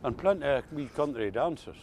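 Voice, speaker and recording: A man's voice: mid-range voice, expressive, normal speed, darkish tone. An older man with an Ulster Scots accent, reminiscing in a casual chat with folksy, dialect-rich storytelling. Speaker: interviewee recalling old country life.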